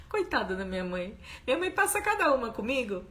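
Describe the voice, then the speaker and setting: A woman's voice: on the high side, very animated, normal speed, a bit bright. A Brazilian woman hosting a live stream, talking emphatically and stressing points with repeated questions. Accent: Brazilian Portuguese. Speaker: host of a live stream, therapist.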